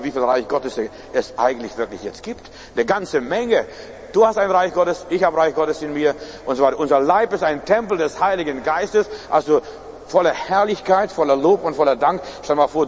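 A man preaching a sermon, talking straight to his listeners, often swinging between loud outbursts and hushed asides. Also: a little high, in a large hall, slight background noise. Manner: lively, shifts from loud to hushed; talks straight to listeners with repeated questions.

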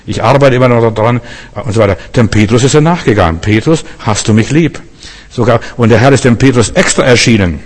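Husky-voiced preacher in a reverberant hall. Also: male voice, medium pitch, a little fast. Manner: fervent, repetitive preaching with frequent rhetorical questions. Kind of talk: sermon.

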